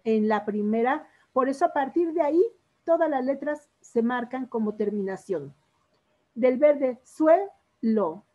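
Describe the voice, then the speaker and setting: Woman teacher, fairly high, mellow voice, patient, quizzing students, dull lo-fi recording. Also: a little slow. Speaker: literature teacher. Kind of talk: classroom lesson on poetry.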